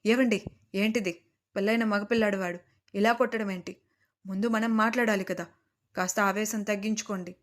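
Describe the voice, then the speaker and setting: A woman's voice: mid-range voice, fairly even intonation, a little fast, long pauses, natural voice. A woman voicing a tearful, pleading mother-in-law.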